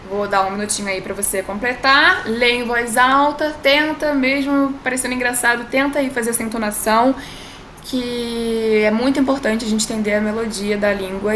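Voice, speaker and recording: A woman with a higher, very bright voice gives a relaxed online language lesson, slowing down to model each sentence. The sound is roomy and echoey, with a faint hiss underneath. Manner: chatty, drawn-out model phrases, frequent tag questions. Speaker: language teacher. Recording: echoey room with faint noise.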